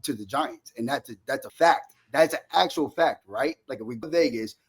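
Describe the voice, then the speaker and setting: A man's voice: mid-range voice, brisk, slightly rough. A man arguing as a fan in a heated sports debate, insistent and slangy, cutting in, repeating his points and swearing.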